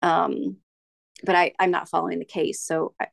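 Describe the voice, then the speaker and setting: Gravelly-voiced woman recounting her marriage. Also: lowish voice, little pitch movement, no room sound. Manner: halting, with frequent restarts and ums. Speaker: podcast guest. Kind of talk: candid interview storytelling.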